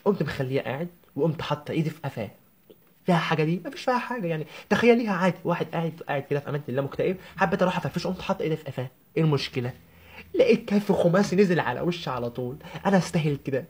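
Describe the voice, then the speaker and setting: A man putting on a young Egyptian newlywed woman, griping to her mother in a comic phone-call sketch. The voice is pitched a bit high and husky, and it rattles along at a breakneck pace. She sounds whiny and indignant throughout. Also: lively intonation, a little mellow. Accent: Egyptian Arabic. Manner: whiny, indignant, rapid rambling. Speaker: comedian.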